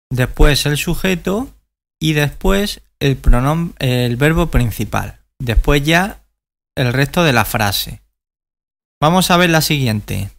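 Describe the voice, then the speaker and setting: A man with a native Spanish background explains English grammar in a video lesson. He takes his time, speaking at a slow, unhurried pace in a mid-range voice and pausing on fillers as he works through each example. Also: medium pitch, a bit bright. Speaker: English teacher.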